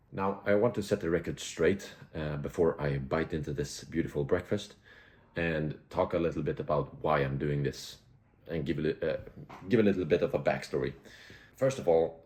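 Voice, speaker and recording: Very deep-voiced young man. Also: darkish tone. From Sweden. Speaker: vlogger. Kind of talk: casual reflective vlog talk to camera.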